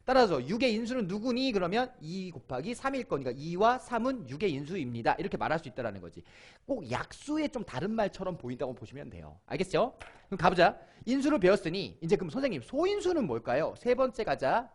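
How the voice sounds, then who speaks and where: A man's voice: high voice, fast. A middle-aged man teaching middle school math in an online lecture, constantly asking questions and having the listener repeat terms. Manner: lively, questioning, calls on student.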